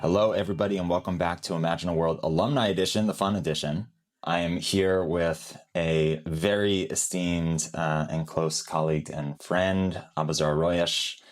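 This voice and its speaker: A man's voice: deep voice, fairly even intonation, moderate pace, soft background music. A man hosting an interview in a friendly, upbeat way, asking open questions. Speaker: host.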